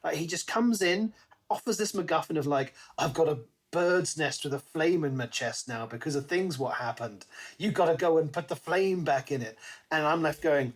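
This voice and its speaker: This podcast co-host is a man with a slightly high voice who talks at an ordinary pace. He chats casually about a book, drifting into paraphrased quotes and acting out what the characters might have said.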